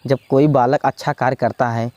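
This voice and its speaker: A man's voice: medium pitch, fairly even intonation, a little fast, a little mellow, no echo. A male teacher gives a spoken exam-prep lesson, repeating points and asking and answering his own questions. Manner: repetitive, asks and answers own questions, says "bhaiya".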